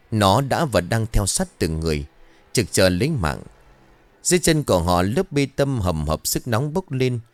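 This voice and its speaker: A man's voice: low voice, dry recording. A man reading a horror story aloud in a dramatic, storytelling manner. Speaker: narrator. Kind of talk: scripted horror story narration.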